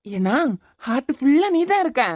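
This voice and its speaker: A woman's voice: sits high, very animated, moderate pace, darkish tone, no room sound, studio quality. A woman voicing a teasing, playfully romantic young husband in a cartoon, with a Kanyakumari Tamil accent. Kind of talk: cartoon voice acting.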